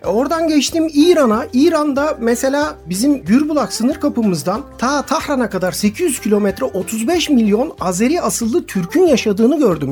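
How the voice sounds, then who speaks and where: A woman from Istanbul, a touring cyclist, telling travel stories as a guest in a radio interview and speaking straight to her listeners. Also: fairly high pitch. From Istanbul, Turkey. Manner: lively anecdotal storytelling, addressing listeners directly.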